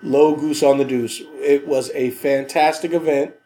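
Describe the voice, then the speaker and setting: A man's voice: medium pitch, fairly even intonation, a little slow, dark tone, a little hiss or hum. A man with a stuffy nose from a cold, co-hosting a podcast in casual, slangy chat with emphatic repeated phrases. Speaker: podcast co-host.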